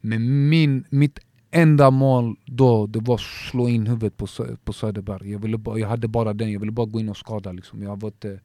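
A man's voice: fairly low pitch, steady tone, dark tone, no echo. Känslosam man som berättar med omstarter. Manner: emotional storytelling, halting with many restarts and fillers. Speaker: MMA fighter guest. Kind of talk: casual podcast conversation.

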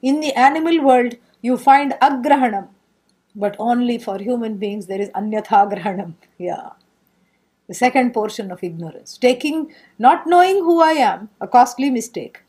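A woman's voice: fairly high pitch, moderate pace, breathy edge. A woman with an Indian accent giving an informal scripture lecture as a spiritual teacher, playful and full of rhetorical questions. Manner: animated storytelling with rhetorical questions and playful humour.

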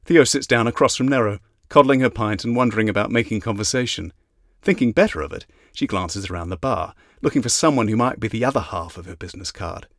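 A man narrating an audiobook in a measured, even reading. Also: on the low side, no room sound, clean studio sound. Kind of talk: scripted narration.

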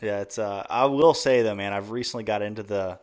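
A man's voice: on the low side, brisk, darkish tone. A man hosting a casual fishing podcast, easygoing and chatty, laughing often. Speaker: podcast host. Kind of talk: casual chat.

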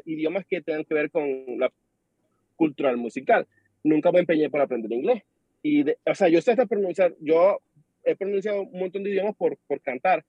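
A young Venezuelan man with a Venezuelan accent, chatting as a podcast guest and telling an animated story while acting out the dialogue. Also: on the high side, no room sound. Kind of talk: casual chat. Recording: dull lo-fi sound.

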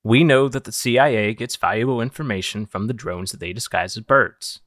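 A man's voice: mid-range voice, brisk, fairly bright tone, no room sound, studio quality. A man co-hosting a comedy podcast, improvising a sketch in a grand, mock-presidential speechifying manner. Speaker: podcast co-host.

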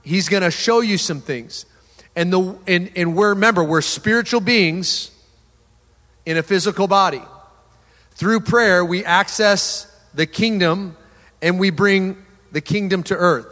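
A man's voice: high voice, a little slow, a bit bright. A man preaching a sermon, telling a story with self-deprecating jokes and frequent restarts. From Texas. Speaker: pastor. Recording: long hall reverb.

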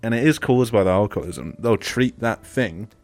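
A man in casual podcast chat, jumping in with quick comments. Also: fairly low pitch, animated, darkish tone. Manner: quick interjections, agreeing. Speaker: podcast co-host.

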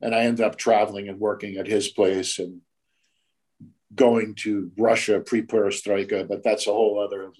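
A man's voice: fairly low pitch, level tone, normal speed, darkish tone, rough recording. Older man telling profane tattoo stories. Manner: profane, acts out quoted voices. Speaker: tattoo artist guest. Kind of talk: casual storytelling.

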